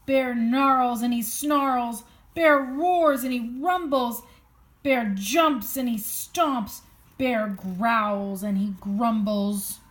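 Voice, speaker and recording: Slow, high-voiced woman reading a bedtime story. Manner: sing-song, playful, prompting the child with questions. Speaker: parent reading to a child. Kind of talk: expressive bedtime story read-aloud.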